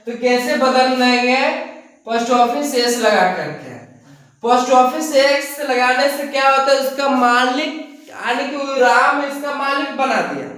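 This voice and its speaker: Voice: high-pitched, measured pace, a bit bright. A teacher giving a classroom grammar lesson who repeats each point and keeps asking rhetorical questions, recorded in a classroom from a distance. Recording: echoey room, mic far off.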